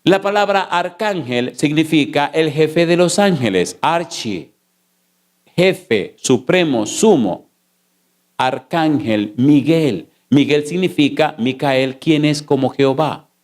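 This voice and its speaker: Emphatic pastor preaching. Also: male voice, medium pitch. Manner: emphatic, repeated rhetorical questions to the congregation; shifts between slow stressed phrases and rapid runs. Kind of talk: sermon. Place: church sanctuary. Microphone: sermon recording.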